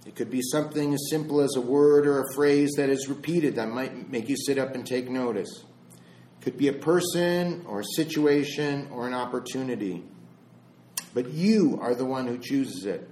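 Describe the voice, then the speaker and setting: A man giving a slow, deliberate spiritual talk, pausing between phrases and telling a parable. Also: medium pitch, warm tone, slight background noise. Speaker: spiritual speaker. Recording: roomy echo.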